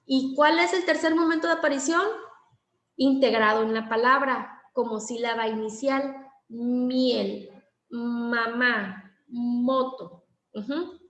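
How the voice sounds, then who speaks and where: A woman's voice: high-pitched, normal speed, fairly bright tone, roomy sound. A woman giving a lecture on language therapy, explaining step by step and acting out short exchanges between teacher and child. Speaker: teacher trainer.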